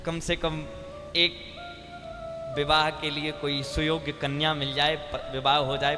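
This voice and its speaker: A man's voice: sits high, in a large hall. A man preaching a humorous sermon to a live audience, telling stories and calling out to the crowd for responses. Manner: lively storyteller, calls out to crowd for responses. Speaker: Ram Katha preacher.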